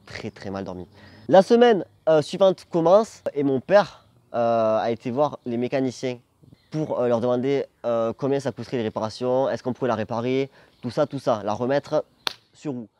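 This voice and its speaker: A man's voice: mid-range voice, normal speed, mellow, dry recording. A young man telling a personal story to camera in a casual, jokey, theatrical and slangy way. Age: young adult. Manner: jokey, theatrical, swearing freely.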